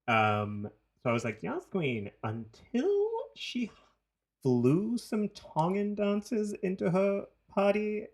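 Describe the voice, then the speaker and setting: Animated New Zealand man, lively pitch. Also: slow. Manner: animated, jumps between topics, swears. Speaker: podcast co-host. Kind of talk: casual chat.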